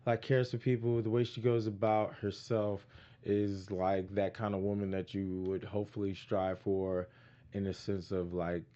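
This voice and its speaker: A man's voice: on the low side, flat delivery, normal speed, warm tone. A man from Miami giving frank, rambling opinions in a casual recap chat, with many fillers. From Miami, Florida. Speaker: panelist. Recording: dull lo-fi audio.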